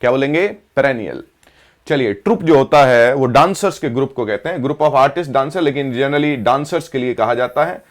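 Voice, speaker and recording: A man teaching English vocabulary, explaining each word in Hindi with slowly read English definitions and asking the class to repeat. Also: mid-range voice, expressive.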